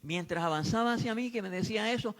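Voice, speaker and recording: A male pastor preaching, telling a testimony with dramatic repetition and building to shouts. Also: high voice, fast talker. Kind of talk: sermon with testimony storytelling.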